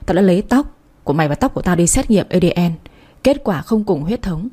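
A woman's voice: on the low side, lively intonation, fast, dark tone. A woman voicing a bitter elder sister who speaks bluntly and harshly, full of scorn. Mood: scornful accusing.

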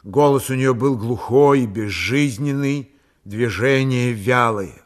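A man narrating a literary audiobook in a calm, measured, unhurried way. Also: mid-range voice.

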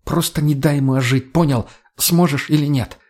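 A man voicing a tough, foul-mouthed young woman who shouts orders and swears in an audiobook. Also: fairly high pitch, steady tone, moderate pace. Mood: harsh, commanding.

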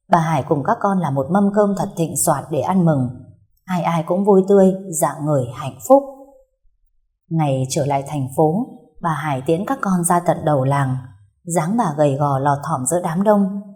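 Mellow, low-voiced woman narrator. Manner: calm, even storytelling. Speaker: audiobook narrator. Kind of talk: scripted narration.

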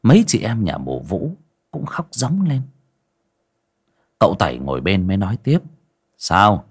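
A low-voiced man tells a ghost story. His reading is dramatic, rising and falling widely as he builds the tension. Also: wildly swooping pitch, moderate pace, darkish tone, slightly rough. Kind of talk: horror story narration.

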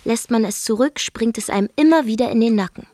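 A woman's voice: fairly high pitch, fairly quick, dark tone, no echo, close to an everyday voice. An actress narrating a radio drama monologue as a brash, defiant young woman from Zeeland, with a dry, wry storytelling manner. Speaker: first-person narrator.

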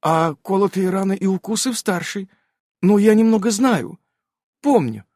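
A man voicing a timid young witch girl who makes quiet, shy excuses. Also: sits high, animated, moderate pace, dry recording, studio quality, voice pushed up.

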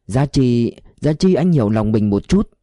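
Brief: male novel narrator, measured and expressive, deep mellow tone, dry studio sound. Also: dry recording. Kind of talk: audiobook narration.

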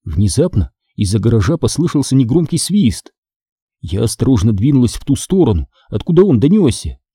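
A man reading a children's story aloud as narrator, with expressive, dramatic pacing. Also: medium pitch, a little fast, breathy edge, dry recording, studio quality. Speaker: audiobook narrator.

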